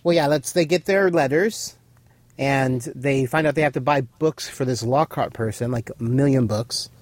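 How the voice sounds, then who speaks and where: Guy cohost, average pitch, explainy casual chat, dry close sound. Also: moderate pace, dry recording. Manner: explanatory, adds detail and corrections. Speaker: podcast co-host. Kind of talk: casual chat recapping a film.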